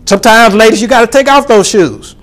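A pastor preaching a sermon to his congregation, calling for responses and rising to shouts. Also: high-pitched, a little fast.

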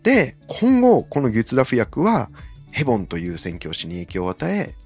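A man's voice: medium pitch, wildly swooping pitch, normal speed, a little mellow, slightly rough, faint music behind. A man hosting a casual talk show, explaining history step by step with many fillers. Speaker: podcast host explaining Bible history.

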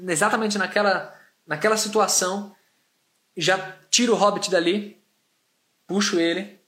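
High-voiced animated São man. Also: measured pace. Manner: animated, slangy, expressive. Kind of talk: casual storytelling testimony.

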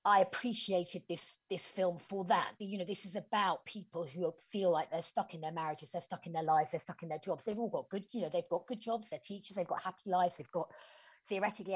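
On a relaxed podcast where she co-hosts as a film reviewer, this forties-aged woman walks through a plot in great detail, frequently starting over mid-sentence. She speaks fairly quickly, with a slightly rough voice on the low side.

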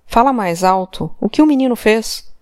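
A woman's voice: a little high, animated, normal speed, darkish tone, no room sound, clean studio sound, natural voice. A woman voicing a male police commissioner who presses hard with insistent, repeated commands. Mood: pressing.

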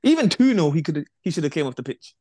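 A young man, co-hosting a casual football chat, animated and repetitive, dropping "bruv" and "bro" constantly. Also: on the high side, fast talker, no room sound, clean studio sound. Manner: animated, repeats himself, peppers talk with "bruv" and "bro". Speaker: podcast co-host.

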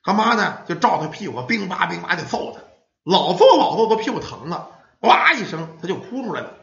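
Male storyteller, lively pitch, lo-fi echoey sound. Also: a little fast, creaky. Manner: folksy storyteller acting out children and parents. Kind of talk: spoken ghost story telling. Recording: roomy, dull lo-fi sound.

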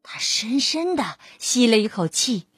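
A woman narrating a children's storybook in an expressive, drawn-out manner. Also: fairly high pitch, husky, dry recording.

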